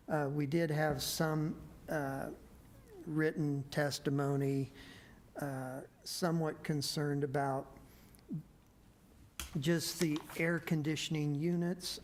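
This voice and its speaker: A man's voice: fairly high pitch, slight background noise. A man giving a staff report at a city planning meeting, hesitant with many fillers, his voice a bit worn. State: losing his voice. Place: council meeting room.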